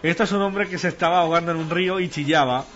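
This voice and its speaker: A man's voice: a little high, very fast, fairly bright tone, faint music behind. Playful man swapping jokes, lo-fi sound. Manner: playful, bantering, acts out joke voices. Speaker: co-host telling jokes. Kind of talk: casual joke-telling contest.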